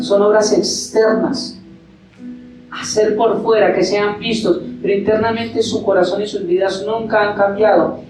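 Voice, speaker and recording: A male pastor, preaching a sermon full of rhetorical questions and acted-out quotes. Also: sits high. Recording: echoey hall, from far off.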